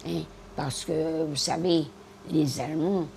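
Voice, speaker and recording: Recalling the war during an interview, a centenarian from French Guiana who served as a veteran and later taught school speaks in a low, steady, dark, gravelly voice, with slight hiss or hum in the recording. Halting and repetitive, she stumbles over words before landing her points with defiant exclamations and sound effects.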